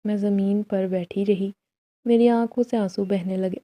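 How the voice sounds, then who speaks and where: Dark-toned woman narrating horror. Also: medium pitch, fairly even intonation. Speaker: storyteller.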